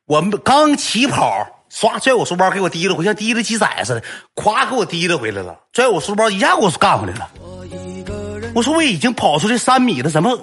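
A man with a Northeastern Chinese accent tells a comic story, slangy and animated, with sound effects mixed in. His voice sits a bit high and swings widely. Faint music plays underneath. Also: quick pace, breathy edge.

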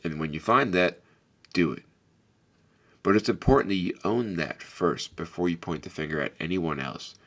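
A man's voice: low voice, moderate pace, fairly bright tone. A man hosting a reflective motivational talk, speaking earnestly and directly to the listener in a big, carrying voice. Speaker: podcast host.

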